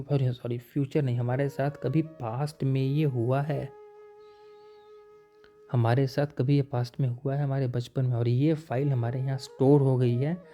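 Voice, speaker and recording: A man teaches a motivational self-help lesson in a very dark, mellow voice of middle pitch. He reads English lines slowly, then explains them more quickly and repeats key points for emphasis. Faint music plays softly behind him.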